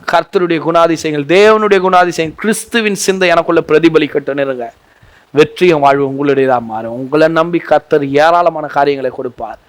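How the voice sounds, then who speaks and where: A pastor preaching a sermon in an impassioned, repetitive way that swells into shouts. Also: male voice, on the high side, fairly quick, clear, resonant tone.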